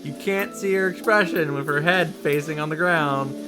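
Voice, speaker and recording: A man with a voice on the high side talks at normal speed while recapping a visual novel for his gaming YouTube commentary. Music plays behind him as he adds sarcastic, sweary, exclamatory asides.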